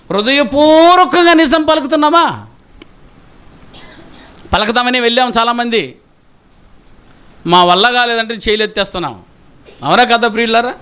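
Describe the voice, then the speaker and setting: A man's voice: extremely high pitch, pushed and bright, clear, resonant tone. A middle-aged male pastor with a Telugu accent, preaching a sermon that is full of emphatic rhetorical questions to the congregation.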